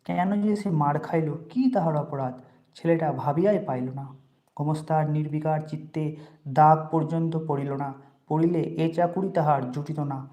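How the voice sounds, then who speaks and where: A narrator reads a classic short story aloud in a measured, solemn manner. The voice is dark and mellow, sitting at a middling pitch. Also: steady tone, muffled recording. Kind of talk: storybook reading of classic literary prose.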